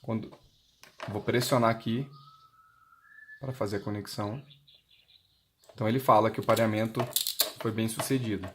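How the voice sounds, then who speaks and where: With a fairly low voice, fairly even intonation and normal speed, a Brazilian Portuguese-accented intercom seller pauses often as he plainly explains his product step by step, unscripted. The recording is noticeably noisy, with clicks.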